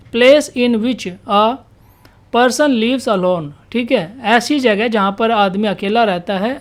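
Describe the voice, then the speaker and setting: A woman teaching a vocabulary lesson for exam students. She asks questions and answers them herself, repeats key words, and reads the English definitions out slowly. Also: mid-range voice.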